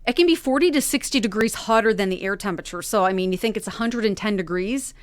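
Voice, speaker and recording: A female morning radio co-host with a mid-pitched voice, reading news in a conversational way and walking through the figures. The sound is dry and close on a studio mic. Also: quick pace, dry recording. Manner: conversational, explains numbers. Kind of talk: reading news stories on air.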